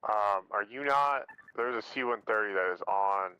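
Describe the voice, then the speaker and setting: A man's voice: lowish voice, moderate pace, noisy background. A man playing a military game, switching between casual sweary chat and jargon-heavy radio calls. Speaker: player in a military game, coordinating over radio.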